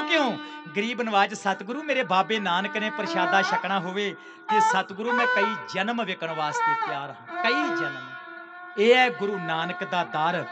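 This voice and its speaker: A man tells a religious story in a sung-spoken sermon, his voice pitched high and swinging from hushed grief to loud pleading. He speaks from a village stage, and loud instrumental music runs under every line. The sound is a live stage recording. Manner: impassioned, rising from hushed tearful telling to loud pleading. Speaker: dhadi preacher.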